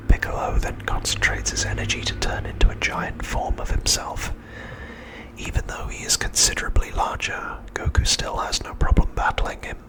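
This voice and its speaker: The recording is rough as a male ASMR host whispers breathily, nearly voiceless throughout. He reads a prepared recap in a hushed, measured manner, soft and steady like quiet storytelling.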